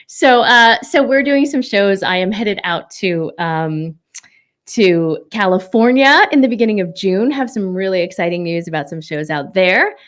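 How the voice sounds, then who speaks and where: A woman hosting her own casual livestream from home, chatty and bubbly, with excited whoops between announcements. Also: mid-range voice. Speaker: livestream show host and singer-songwriter.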